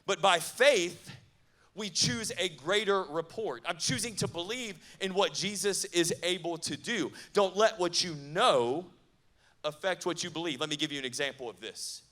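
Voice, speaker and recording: A man preaching at a youth camp, lively and conversational with asides to the crowd. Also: high-pitched, moderate pace. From not from the American South. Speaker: youth pastor. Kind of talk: sermon.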